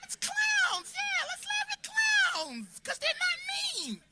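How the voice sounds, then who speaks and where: A man putting on a high, childish voice for a naive audience member who gushes over clowns. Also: huge pitch swings, takes it slowly, heavy background noise, full character voice. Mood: giddy. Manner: squealing, childish glee.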